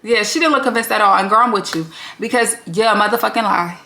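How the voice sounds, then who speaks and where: Gravelly bright-voiced woman recapping bluntly. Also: medium pitch, fast talker. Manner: blunt, profane, animated storytelling. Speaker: reality TV recap host. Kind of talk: candid vlog commentary. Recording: roomy echo.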